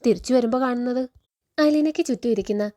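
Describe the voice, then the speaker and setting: A woman's voice: fairly high pitch, fast, mellow. A woman with a Kerala Malayalam accent, retelling a TV serial episode in a chatty storytelling way, tagging friendly particles onto her sentences. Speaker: serial story recap narrator.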